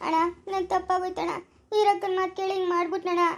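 A woman playing a quarrelsome, sharp-tongued village woman in a rural family drama. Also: extremely high pitch, steady tone, fast talker. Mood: pleading.

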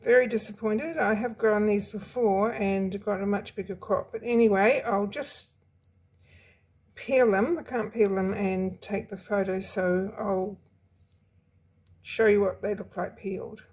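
In a hot home garden, a woman vlogs casually to the camera, rambling chattily and laughing often. Her voice is medium-pitched, steady, a little slow, and somewhat dark in tone.

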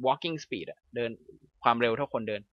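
A young adult man with a Thai accent, teaching an English reading lesson, reading English lines slowly and explaining them quickly in Thai. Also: medium pitch, no room sound, lo-fi sound.

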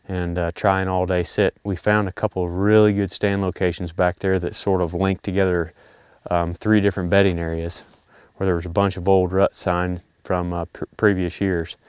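A young man giving a relaxed, plain-spoken recap to the camera outdoors at night beside his vehicle. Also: sits low, smooth, dry recording. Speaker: hunting vlogger.

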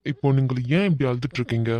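A performer voicing an easygoing, teasing young man in a cartoon, with a Kanyakumari Tamil accent and a soft, coaxing way of talking. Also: medium pitch, rapid-fire, no room sound, close to an everyday voice. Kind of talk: cartoon voice acting.

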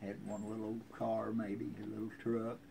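This rural American man in his seventies tells family stories on a covered wooden porch, relaxed, folksy and plainspoken. His lowish voice is monotone with vocal fry, delivered at normal speed. Outdoor ambient noise comes through on the handheld phone recording him from a few feet away.

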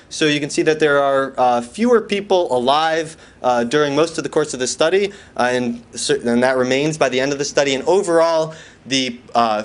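A man with a slightly high voice lectures at a conference from his slides. He drops dry, wry asides, poses questions to the audience, and fills his talk with fillers and restarts.

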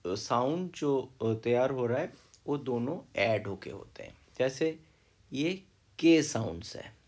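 Indian guy teaching japanese online, real slow, husky, voice jumps around a lot. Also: fairly high pitch. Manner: slow, patient, spells out each sound and stroke. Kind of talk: online language lesson.

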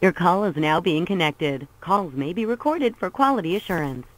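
A man's prerecorded announcement plays over a phone line, formal and flat. His voice sits high, with loud line noise and a dial tone around it. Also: moderate pace. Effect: recorded phone connection message. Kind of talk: scripted automated call announcement.

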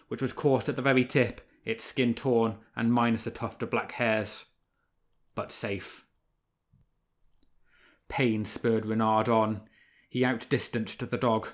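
A man reading a fable aloud as an audiobook narrator, measured and expressive. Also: fairly low pitch. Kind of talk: scripted storybook narration.

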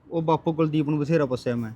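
A man's voice: a little high, very fast, mellow, lightly acted. A man playing a young husband caught between his wife and his father, talking in a pleading, placating way. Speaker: son and husband.

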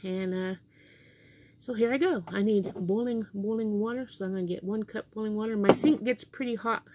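A woman's voice: medium pitch, normal speed. Older lady cooking at home and chatting away, homey rambly talk, tap water and kitchen noise behind, drifts off mic. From Kansas, USA. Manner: chatty, rambling, homey, thinks aloud while working. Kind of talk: casual cooking chat to camera. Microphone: built-in camera mic, moves toward and away. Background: running tap water and kitchen clatter.

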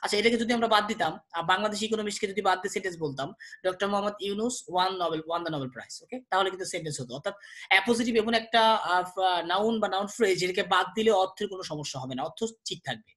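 A young man from Bangladesh teaching an exam-prep grammar lesson, slowing down whenever he reads an example aloud. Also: high-pitched, bright, forceful tone. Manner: brisk, slows down to read examples aloud. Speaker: English tutor.

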